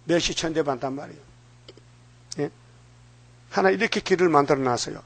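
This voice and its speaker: A man's voice: on the high side, brisk. An older man preaching a sermon, firing rhetorical questions at the congregation and acting out quoted voices. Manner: dramatic, acts out quoted voices. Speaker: pastor.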